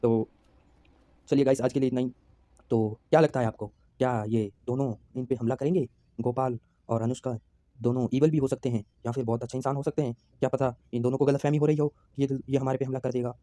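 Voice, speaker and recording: A man's voice: medium pitch, fairly even intonation, a little fast, dark tone, no echo. A man narrating his own story casually as a YouTube storyteller, chatty and prone to restarts.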